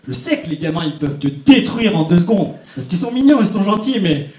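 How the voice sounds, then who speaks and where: A man's voice: high voice, big pitch swings, fairly quick, a little mellow, slight background noise. A young man doing a stand-up comedy set on a theatre stage, chatting straight to the audience. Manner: chatty, addresses the audience directly. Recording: echoey theatre.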